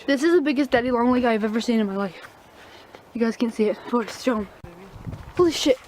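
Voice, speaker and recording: A young woman vlogging on a phone outdoors by a waterfall, excitable and breathless as she talks. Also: fairly high pitch, fairly quick. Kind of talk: casual outdoor vlog. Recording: noisy outdoor phone recording.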